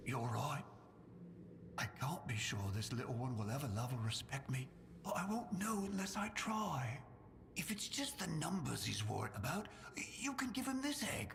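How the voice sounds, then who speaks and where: Gruff, gravelly old game creature, humble and deferential, swinging expressively in pitch, faint noise behind. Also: male voice, big pitch swings, moderate pace, fairly bright tone, exaggerated voice. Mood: earnest, resigned. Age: older. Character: humble old undersea creature blacksmith, timid and pleading. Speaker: blacksmith and trader character. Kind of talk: scripted video game dialogue.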